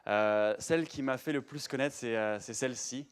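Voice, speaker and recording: A man's voice: medium pitch, moderate pace, smooth. A young man giving a live presentation to an audience in a lecture room, chatty, with many hesitations and restarts. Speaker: conference speaker.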